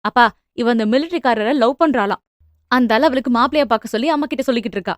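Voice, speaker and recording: A woman voicing a spiteful young woman who mocks her younger sister in fast, scornful speech. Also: on the high side, dry recording, clean studio sound, lightly acted. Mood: taunting. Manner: mocking, quick, scornful.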